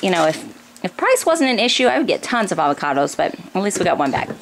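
Speaking fast with big swings in pitch, a low-voiced American woman in her thirties, a mother and family vlogger, gives a casual grocery haul rundown, covering household items one by one. The setting is a home kitchen or dining room, captured by a handheld camera nearby, with noisy room ambience in the recording.

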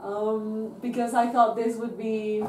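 A woman's voice: on the high side, little pitch movement, slow, warm tone, slight background noise. A young woman from Guatemala answering interview questions earnestly, with light humour. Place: small dormitory bedroom. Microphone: far camera. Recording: roomy, distant camera sound.

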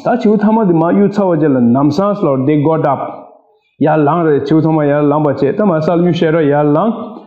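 A man teaching a class, reading an English story slowly and explaining each line in a local language. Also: fairly high pitch. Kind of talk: bilingual classroom lesson, reading and translating a story. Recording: echoey room, tinny phone-like sound.

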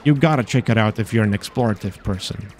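A man's voice: lowish voice, fast, a little mellow, a little hiss or hum. A man narrating a scripted voice-over about a video game, with dry, sarcastic asides. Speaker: video host exploring games. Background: faint game music.

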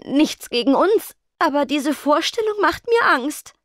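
A woman voicing an impatient, excitable steam-powered robot teenage girl. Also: high-pitched, unhurried, dry recording, clean studio sound, pitched above the performer's own voice.

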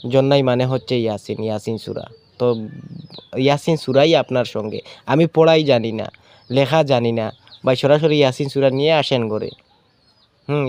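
Channel host, male, smooth and mellow voice, repetitive question-and-answer delivery. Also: mid-range voice. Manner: repetitive, poses rhetorical questions then answers them. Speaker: folk healer channel host. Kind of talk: casual instructional talk to camera.

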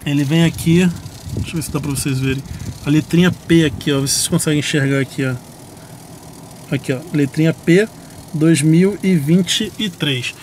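Speaking at a normal speed with a slightly high, darkish-toned voice and a Brazilian accent, this car reviewer chats through a casual vlog. He thinks out loud informally while moving in and around parked vehicles, and the surrounding noise is clearly audible.

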